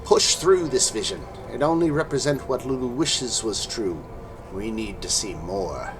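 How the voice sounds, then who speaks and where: A man's voice: mid-range voice, animated, measured pace, recorded from a distance, natural voice. A man voicing an old hag in a tabletop game, a disembodied voice giving urgent, hissing commands. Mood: urgent, commanding. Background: music.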